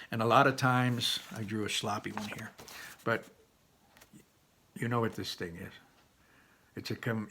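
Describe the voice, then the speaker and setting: A man's voice: on the low side, fairly bright tone, slightly rough. A man teaching a read-aloud lesson, chatty and explaining with asides.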